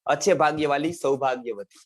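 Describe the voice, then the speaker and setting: A man's voice: on the high side, moderate pace. A middle-aged man from India teaching an online Sanskrit lesson, repeating words and checking that his students follow. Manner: quizzing students, repeats words, frequent "samajh gaye?". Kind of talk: explanatory online class lecture.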